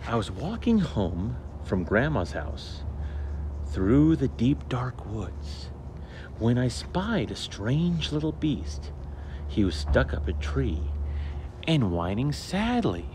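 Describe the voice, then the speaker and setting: Reading a picture book to kids, a man performs as a storyteller with lively, theatrical energy and carefully deliberate phrasing. His pitch sits in the middle range, and there's constant noise in the background.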